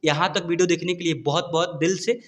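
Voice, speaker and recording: A man teaching a reading lesson, slowly sounding out words letter by letter and checking in with his students often. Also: high voice, fairly even intonation, long reverb tail. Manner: spells words out letter by letter, repeating "ठीक है". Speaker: Hindi teacher. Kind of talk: slow syllable-by-syllable reading lesson.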